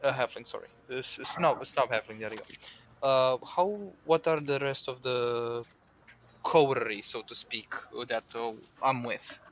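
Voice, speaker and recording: A man's voice: medium pitch, measured pace. A man takes part as a player in a tabletop game, talking casually. He hesitates and uses many fillers. There is faint noise in the background.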